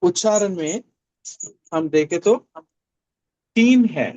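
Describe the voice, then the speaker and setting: In a classroom with a board, a man lectures a Greek class, explaining each step and repeating the key words. His voice sits high yet has a dark tone; he is expressive and slow, and the recording's highs are cut off.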